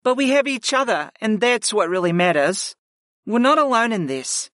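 Encouraging young woman, high and bright, as a male narrator voices her. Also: big pitch swings, moderate pace, no echo, clean studio sound.

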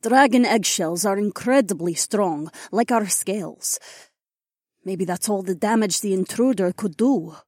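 A man's voice: high-pitched, unhurried, darkish tone, no echo, studio quality, pitched above the performer's own voice. A man narrating an audiobook, voicing a proud, fierce female dragon who scoffs and threatens. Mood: huffy.

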